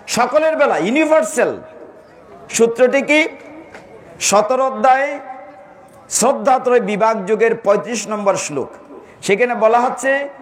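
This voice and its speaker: Lively high-voiced preacher. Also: male voice, a little slow, pauses often. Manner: storytelling, asks the listeners questions and acts out quoted lines. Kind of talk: devotional sermon to a gathering.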